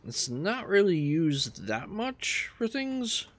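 A man casually talking through his gameplay, relaxed and rambling as he thinks aloud. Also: sits high, slow pace. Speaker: gaming channel host.

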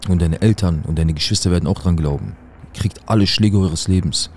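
A man's voice: low-pitched, brisk, a little mellow, slight background noise, lightly acted. A man voicing a menacing skinhead thug. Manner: threatening, coarse street talk. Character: menacing hulking young skinhead man, threatening.

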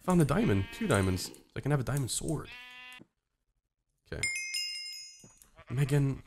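A streamer giving live gameplay commentary, excitable, swearing constantly and breaking into laughter and yells. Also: mid-range voice, moderate pace, vocal fry, over music.

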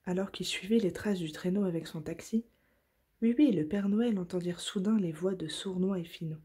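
A woman reading a children's story aloud in a soft, gentle voice, at times nearly whispering. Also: on the low side. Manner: soft, gentle and breathy, slow at tender moments.

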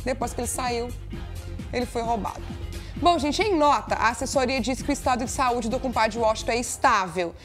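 A woman's voice: on the high side, a little fast, a bit bright, soft background music. A woman in her thirties from Minas Gerais, chatty and exclamatory, presenting a gossip segment in a TV studio. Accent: Brazilian Portuguese, Minas Gerais. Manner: chatty, exclamatory, addresses viewers as "gente". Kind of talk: lively TV studio chat.

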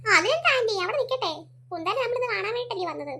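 Lady doing squeaky little cartoon kids, super high and fast, music behind. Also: exaggerated voice. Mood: excited. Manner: squeaky, excitable, breathless exclamations. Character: excitable young children, boy and girl. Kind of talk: cartoon voice acting.

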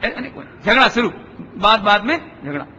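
A man's voice: high-pitched, very animated, moderate pace, pushed and bright, slightly rough. A man giving a religious discourse, telling parables and asking the audience again and again whether they have understood. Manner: storytelling, checks understanding with rhetorical questions; acts out voices in anecdotes. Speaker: Jain scholar giving a discourse. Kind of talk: sermon with parables. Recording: dull, echoey lecture hall.

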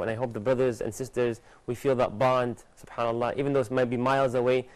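Speaking into a lapel mic in a TV studio, a young man teaches a religious lesson to guests, rapidly reciting Arabic verses with lively gestures. His voice is mid-range and the audio quality is rough.

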